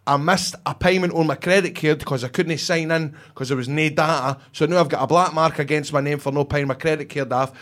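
A Scottish man with a broad accent and a slightly high voice hosts a chatty podcast. He rants through comic stories in loose, sweary, colloquial speech, acting out the dialogue as he goes. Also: steady tone, a little fast, hardly any pauses, fairly bright tone. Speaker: podcast host. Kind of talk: ranting comic anecdote, casual chat.

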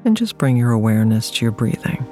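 A meditation host guiding a relaxation hypnosis in a soothing, deliberate way with long pauses. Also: mid-range voice, big pitch swings, darkish tone. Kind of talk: slow guided relaxation hypnosis narration. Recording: music playing behind the voice. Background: music.

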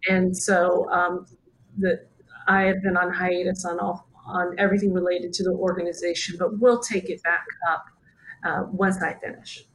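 A woman's voice: fairly low pitch, flat delivery, fairly bright tone, a little hiss or hum, low-quality recording. A woman in her late forties, an activist and writer, speaking thoughtfully as an interview guest. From United States. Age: 40s. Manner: thoughtful, measured, with fillers. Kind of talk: interview conversation.

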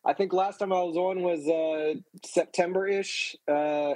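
Slightly high-voiced man chatting, dry close sound. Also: fairly even intonation, a little slow, a little mellow, dry recording. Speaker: podcast co-host. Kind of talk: casual chat. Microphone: wireless earbuds with a tablet. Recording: earbud microphone.

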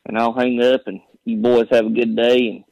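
A man with a Southern Appalachian accent talks over a dull phone connection, chatting in a folksy, rambling storyteller's drawl. His voice is gravelly and sits close and dry, with a mid-range pitch. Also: little pitch movement, normal speed, darkish tone, dry recording. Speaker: phone-in caller. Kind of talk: casual chat. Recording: dull, band-limited phone call.

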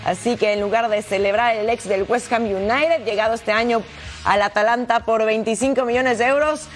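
Female football highlights presenter, high voice, excitable calls, music bed underneath. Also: moderate pace. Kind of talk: football highlights narration over match clips. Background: background music.

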